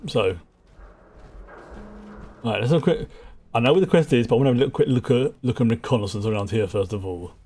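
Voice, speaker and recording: A man's voice: medium pitch, fast, long pauses, dark tone, slight background noise. A man giving casual, chatty game commentary, thinking aloud as he plays. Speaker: gamer, host of a playthrough.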